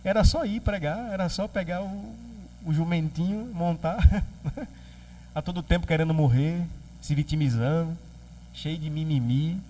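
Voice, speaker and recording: A man with a Brazilian Portuguese accent preaching a sermon as pastor, lively and joking, acting out quoted voices. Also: fairly high pitch, a little slow, distant mic, slight background noise.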